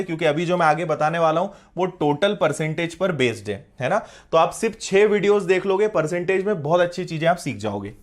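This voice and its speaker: High-voiced Hindi-speaking maths teacher. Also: male voice. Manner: explains step by step, checks often if students follow. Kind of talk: live online maths class.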